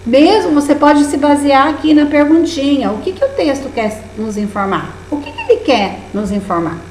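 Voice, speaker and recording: Brazilian woman teacher guiding young kids through a workbook, slightly high and patient, recorded in an echoey room with light hum. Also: big pitch swings, normal speed, darkish tone. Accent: Brazilian Portuguese. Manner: patient, encouraging, with many diminutives. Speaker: primary school teacher. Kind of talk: remote lesson walking through a workbook.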